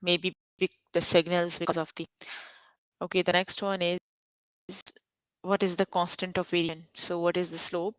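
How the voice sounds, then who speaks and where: A young adult woman teaches a live online math lesson through a computer mic on a call, frequently stopping to make sure her students are keeping up. Her voice sits on the low side, with a flat delivery, normal speed, and clean tone. The low-quality recording has no room sound.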